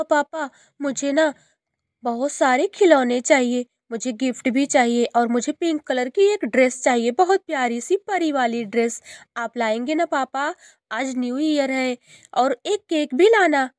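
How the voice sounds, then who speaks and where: A woman's voice: high-pitched, unhurried, no echo, clean studio sound, pitched above the performer's own voice. A woman voicing a small girl sparrow in a cartoon story, with a childlike, pleading and tearful manner. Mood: excited. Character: cheerful then grieving little girl sparrow.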